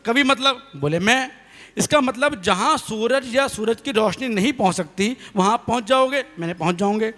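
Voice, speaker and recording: Man, comic poet on stage, high lively voice, bright tone, reverberant hall, calls for applause. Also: moderate pace. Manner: animated, calls for applause, acts out quoted voices. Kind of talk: humorous stage storytelling. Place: stage at a poetry gathering.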